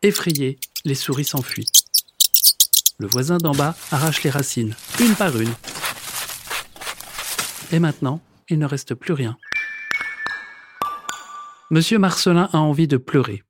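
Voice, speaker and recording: A man reads a children's story aloud, lively and expressive, bouncing through little sound words. His voice sits a bit high for a man, and a clear hiss of noise runs under the recording. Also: unhurried, long pauses. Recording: background noise.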